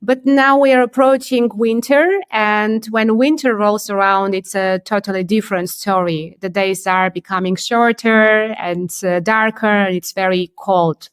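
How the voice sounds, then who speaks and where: Woman, measured and thoughtful. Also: medium pitch, smooth, no room sound. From Armenia. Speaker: podcast guest, company CEO. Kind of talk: remote podcast interview.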